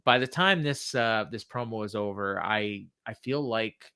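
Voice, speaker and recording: A man casually recapping from memory as a podcast co-host, halting and backtracking as he paraphrases what was said. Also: on the low side, sharp tone, smooth.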